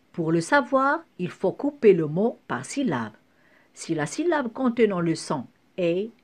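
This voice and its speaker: Woman, teacher, slow deliberate pace, lively rising and falling pitch, spells out syllables, fairly low voice. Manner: spells out syllables one by one, with occasional self-corrections. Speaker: French teacher. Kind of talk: slow classroom explanation.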